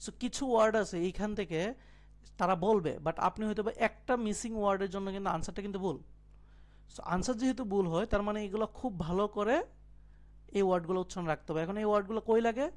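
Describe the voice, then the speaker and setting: A man's voice: sits high, brisk. A young man teaching an IELTS listening lesson in an online class, explaining step by step, mixing in English terms and checking that his students follow. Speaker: IELTS tutor. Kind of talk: live online class lecture.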